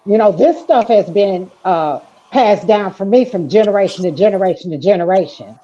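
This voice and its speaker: A woman on a podcast panel speaks firmly and insistently. Her voice is dark and mellow, and the muffled lo-fi recording dulls it further. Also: mid-range voice, animated, normal speed. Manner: firm, insistent. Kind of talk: panel discussion. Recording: muffled lo-fi audio.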